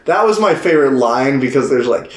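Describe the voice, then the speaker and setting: A male co-host with an ordinary mid-range voice, recorded with noticeable room echo. He jumps in with plot details during a loose, profane casual chat. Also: mid-range voice. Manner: chatty and profane, chiming in and adding plot details. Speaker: podcast co-host.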